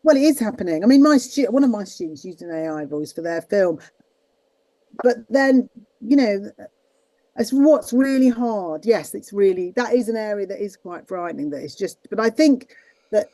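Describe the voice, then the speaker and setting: A voice actress talking casually in an interview over a video call, rambling with many restarts. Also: female voice, medium pitch, expressive, normal speed, mellow, dry recording, rough recording. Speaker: voice actress and guest; teaches students. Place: at her desk.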